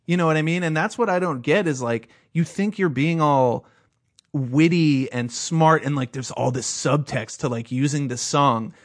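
A man's voice: fairly high pitch, normal speed. A man co-hosting a podcast, ranting heatedly in casual chat with lots of swearing. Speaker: podcast co-host.

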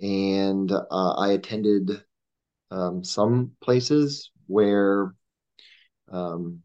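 A man, a combat veteran, talking reflectively and hesitantly with many pauses and restarts. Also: fairly low pitch, a little mellow. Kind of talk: reflective conversation. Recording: dull lo-fi sound.

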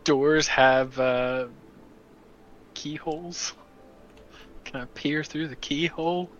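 A man's voice: on the high side, steady tone, slow, fairly bright tone, faint music behind. A man chatting casually as a tabletop game player, on a slightly lo-fi recording. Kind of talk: casual chat. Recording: slightly dull, lo-fi sound.

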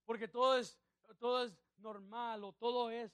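A man's voice: very high-pitched, steady tone, moderate pace, a bit bright, clear, resonant tone, no room sound. A male pastor preaching a sermon who calls out questions to the congregation.

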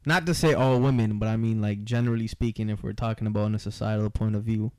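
A man's voice: fairly low pitch, fairly even intonation, quick pace, a little mellow, clean tone, no echo, clean studio sound. A young man speaking as a panelist in a casual, slangy, conversational chat. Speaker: podcast panelist.

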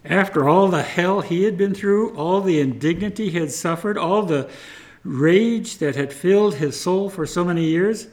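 A man retelling a testimony in an earnest, measured way, like a preacher. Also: sits high.

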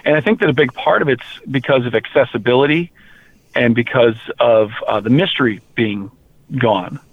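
A man from rural Maine, a heavy metal musician, talking casually in an interview, animated and quick to repeat words. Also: medium pitch. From rural Maine, USA. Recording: tinny phone-like line.

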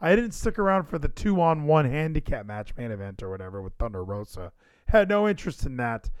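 A man's voice: medium pitch, very animated, a little fast, clear, resonant tone, dry recording, clean studio sound. A man hosting a podcast livestream in casual chat, rambling and emphatic, repeating phrases for effect. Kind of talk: casual wrestling show chat.

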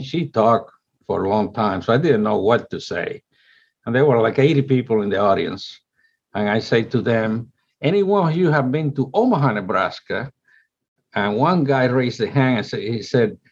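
A Cuban-born man in his seventies, a company chief executive whose first language is Spanish, tells his life story in English as an interview guest. His mid-range voice is slightly rough, and he rambles with many restarts. The audio is dull and lo-fi.

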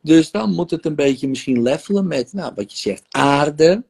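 Guiding a relaxed coaching chat as host of an online live session, this man speaks at normal speed with lively intonation, filling his talk with fillers and voicing inner thoughts dramatically. His voice is fairly high yet darkish, gravelly and slightly rough.

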